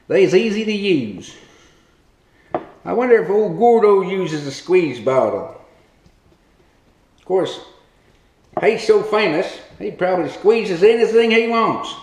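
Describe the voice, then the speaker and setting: Slow-drawling man, high voice. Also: animated, reverberant. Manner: rambling, folksy, drawling hillbilly talk. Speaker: cooking show host. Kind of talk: comic folksy cooking demo.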